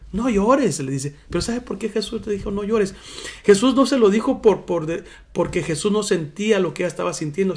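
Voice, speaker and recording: A man's voice: sits high, gravelly, darkish tone. A man preaching a sermon in church as pastor, earnest and personal, often calling his listeners brothers.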